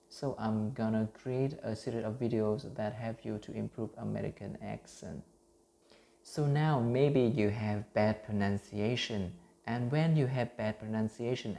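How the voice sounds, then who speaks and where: In a self-recorded teaching vlog, a Vietnamese man in his thirties earnestly teaches English pronunciation into his phone, speaking with a Vietnamese accent. His medium-pitched voice is gravelly and warm, and he uses many fillers and restarts.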